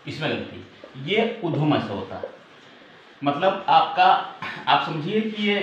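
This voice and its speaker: A man teaching an online exam-prep lesson, spelling out words slowly and checking in with his students often. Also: high voice, fairly bright tone. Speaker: Hindi teacher. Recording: muffled echoey room, faint background hum.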